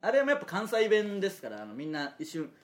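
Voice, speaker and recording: A man's voice: high-pitched, wildly swooping pitch, quick pace, echoey room. A man hosting a comedy radio show, reading out listener letters and teasing his co-host. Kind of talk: casual comedy radio banter.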